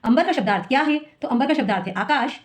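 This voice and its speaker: A woman teacher solving an exam paper for students, reading each question and then explaining the answer patiently. Her voice sits a little high. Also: lively intonation, quick pace.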